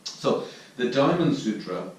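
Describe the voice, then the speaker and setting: A man with an Irish accent giving a reflective dharma talk as a Zen teacher at a retreat, pausing to search for his words. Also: medium pitch, very animated. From Ireland. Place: meditation hall at a retreat centre. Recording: distant mic in a very echoey room with faint noise.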